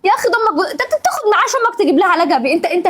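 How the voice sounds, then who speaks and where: A young Egyptian woman, a regular on the show, acts in a family drama with an Egyptian Arabic accent, scolding repeatedly and becoming emotional. Her very high voice is very animated, racing, and a bit bright, on poor audio.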